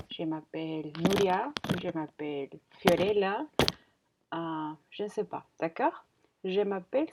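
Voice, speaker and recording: Woman in her thirties, very slow hesitant teacher, muffled lo-fi sound. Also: lowish voice, creaky, husky. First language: Spanish. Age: 30s. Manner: hesitant, many fillers and self-corrections. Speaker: French teacher. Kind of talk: slow beginner language lesson. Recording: dull lo-fi audio.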